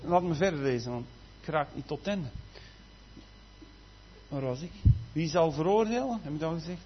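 Pastor, goes quiet then booms out, highish voice, bit dull lo-fi sound. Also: male voice, normal speed. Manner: swings between soft asides and loud emphatic preaching. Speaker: preacher. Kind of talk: sermon. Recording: slightly muffled, faint background noise.

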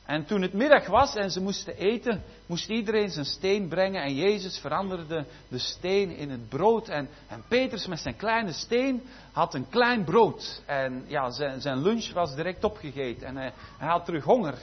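A man's voice: high voice, animated, moderate pace, breathy edge. A man preaching a sermon, emphatic with frequent amens and rhetorical asides. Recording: dull lo-fi recording.

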